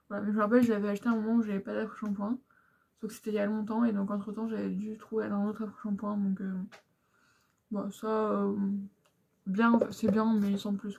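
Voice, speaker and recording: Over dull-sounding audio, a young woman speaks in a warm, mid-range voice with some vocal fry. As a beauty vlogger, she casually reviews products she's finished, talking frankly and peppering it with fillers and asides.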